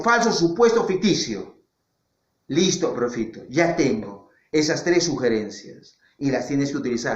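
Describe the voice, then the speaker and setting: A male teacher giving a classroom lesson, asking questions aloud and answering them himself, repeating key words for emphasis. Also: fairly high pitch. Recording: echoey, dull lo-fi classroom recording.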